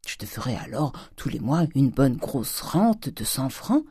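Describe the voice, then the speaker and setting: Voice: big pitch swings, a little slow, mellow, slightly rough, no room sound, studio quality, full character voice. A reader voicing a cunning, miserly old father who wheedles, stammers and drops into whispers. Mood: wheedling. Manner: wheedling, stammering, with sudden whispers and high jumps.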